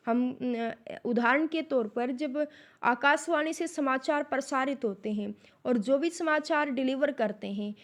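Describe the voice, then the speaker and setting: A woman teaching a class in a high voice. She speaks slowly and deliberately, pausing to pose rhetorical questions before answering them. Her pace is measured throughout the explanation. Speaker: Hindi literature lecturer. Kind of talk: classroom lecture.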